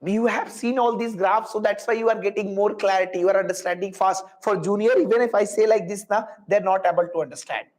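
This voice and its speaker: A man's voice: sits high, steady tone, fast talker, hardly any pauses, darkish tone. A man with an Indian accent teaching a live physics class, explaining step by step, repeating phrases and putting questions to students with Hindi tags mixed in.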